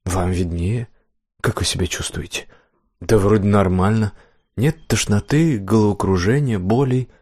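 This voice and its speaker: A man's voice: fairly low pitch, a little slow, no room sound, clean studio sound. Death as a bitter hooded crone, read by a man. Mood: calm, polite. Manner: quiet, hissing menace rising to angry outbursts. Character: Death, a weary, bitter, once-beautiful hooded old woman. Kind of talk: audiobook character reading.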